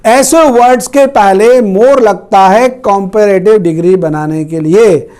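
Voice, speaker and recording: A man teaching English grammar in Hindi, repeating each example word slowly for learners. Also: high voice, a little mellow. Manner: slow, repeats words for learners. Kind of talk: Hindi-language grammar lesson.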